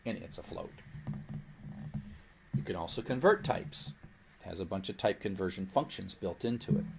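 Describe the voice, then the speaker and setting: Gravelly low-voiced man lecturing. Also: lively intonation, moderate pace, a little hiss or hum. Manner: explains patiently, voices Python in playful asides. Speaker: programming instructor. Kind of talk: recorded lecture.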